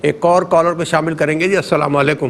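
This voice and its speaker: A man's voice: fairly high pitch, fairly even intonation, a bit bright, a little hiss or hum. A man hosting a live call-in TV show, politely greeting callers and repeating their words back to them.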